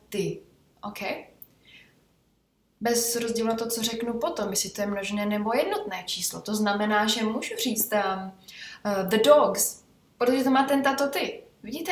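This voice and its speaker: A woman teaching English grammar in a chatty explanatory way, often checking in with her listeners. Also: on the high side. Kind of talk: explanatory language lesson. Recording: echoey room, voice from far off.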